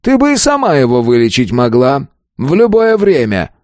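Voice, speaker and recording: A man's voice: mid-range voice, wildly swooping pitch, moderate pace, a little mellow, no room sound, studio quality, pitched above the performer's own voice. A man voicing an ancient male raven who talks in a cackling, amused, condescending way.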